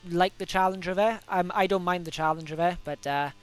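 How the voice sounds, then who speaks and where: This young Welsh gaming host has a high-pitched, clean voice and a brisk, steady tone as he chats through racing game laps. A cold is coming on, and his casual commentary is chatty, full of fillers and self-corrections.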